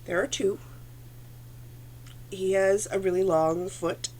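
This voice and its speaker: A Canadian woman hosts a knitting podcast from a room at home, chatting casually into the camera on her computer at her desk. Her mid-range voice is slow, fairly even in intonation and a little mellow, with a phlegmy throat, and she rambles and corrects herself as she goes. A little hiss or hum sits in the recording.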